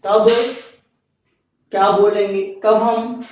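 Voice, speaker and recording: A man's voice: sits high, little pitch movement, slow pace, a little mellow. A male English teacher giving a grammar lecture to students, repeating each point and addressing them directly. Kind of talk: Hindi-language grammar lecture. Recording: very echoey room, far from the mic.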